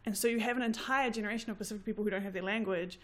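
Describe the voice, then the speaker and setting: Speaking very fast in a mid-range voice, this New Zealand graduate student in her thirties tells stories animatedly during a casual conversation, often breaking into laughter.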